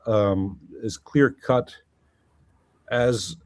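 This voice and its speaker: Low-voiced man lecturing with restarts. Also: very slow, no echo. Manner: lecturing, thinking aloud with many fillers and restarts. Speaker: guest scholar. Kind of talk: academic conversation.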